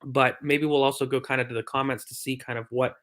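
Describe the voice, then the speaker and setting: A man chats about football on a podcast at an ordinary, mid-range pitch. He thinks aloud with plenty of "um"s and restarts, breaking things down like a physio would. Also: little pitch movement, fast, a bit bright. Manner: thoughtful, filler-heavy, explains from a physio view. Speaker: podcast co-host. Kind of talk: casual football chat.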